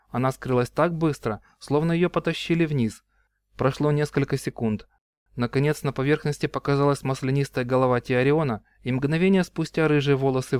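Clear-voiced male audiobook narrator. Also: medium pitch, fairly quick, no echo. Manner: even, clear storytelling. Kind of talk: scripted narration.

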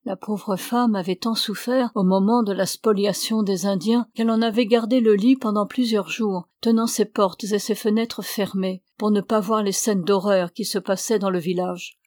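A woman narrating a novel as an audiobook in a steady, measured reading. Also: mid-range voice, no echo, studio quality.

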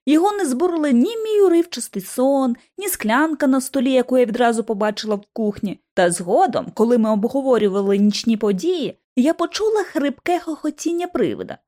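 A woman reading a novel aloud as an audiobook narrator, with expressive storytelling. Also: on the high side, brisk, hardly any pauses. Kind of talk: scripted narration.

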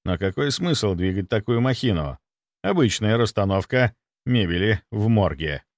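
Male audiobook narrator, tense and wry, very expressive pitch, dry close recording. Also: moderate pace, no echo. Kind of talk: first-person audiobook narration.

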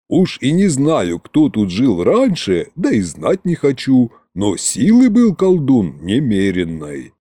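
A man voicing an old immortal sorcerer king who speaks slowly and domineeringly. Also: warm tone, slightly rough, no echo, clean studio sound, full character voice. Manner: slow, low, domineering.

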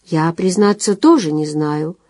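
Wry, evasive young man voiced by a woman narrator, mellow and understated. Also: deep voice, lively intonation, unhurried, dry recording. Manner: ironic, dry understatement. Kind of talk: audiobook dialogue reading.

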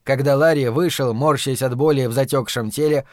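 A man narrating an audiobook in a measured, even reading. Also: medium pitch, no echo, studio quality.

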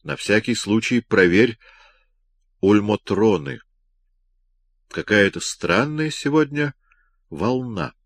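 A man's voice: on the low side, lively intonation, no room sound, pitched above the performer's own voice, heavily acted. A man voicing a sleepy, puzzled male colleague who speaks earnestly in an audiobook reading. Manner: slow, confused, earnest.

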